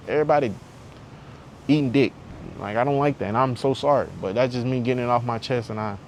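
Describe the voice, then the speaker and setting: A man in his twenties ranting candidly in a vlog, heated and repetitive, swearing bluntly, with a faint vehicle rumble behind him. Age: 20s. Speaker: vlogger.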